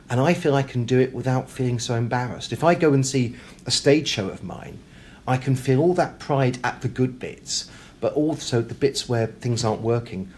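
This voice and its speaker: Room ambience and distinct background noise surround a British man's medium-pitched, slightly mellow voice as he chats as a guest in a casual interview. He talks a lot, runs himself down, and hesitates and repeats words.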